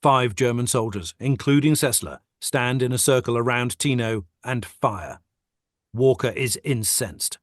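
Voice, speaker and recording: A man's voice: medium pitch, a little slow, no room sound, clean studio sound. A man reading the stage directions of a script steadily and matter-of-factly in a table read over a video call.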